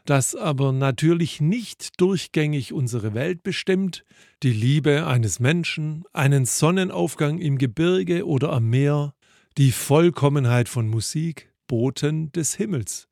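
A man giving a thoughtful devotional reflection, speaking in a measured way. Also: a little high, creaky, a little mellow, no room sound, clean studio sound. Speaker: preacher.

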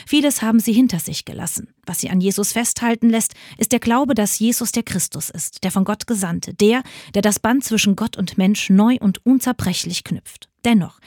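A woman's voice: medium pitch, a little mellow, dry recording, studio quality. A woman giving a scripted spiritual reflection, speaking in a personal, earnest way. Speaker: devotional speaker.

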